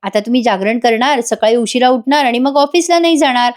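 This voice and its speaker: A woman's voice: on the high side, steady tone, fairly quick, close to an everyday voice. A woman voicing a young wife who chides her forgetful husband in a bashful, scolding manner. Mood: chiding.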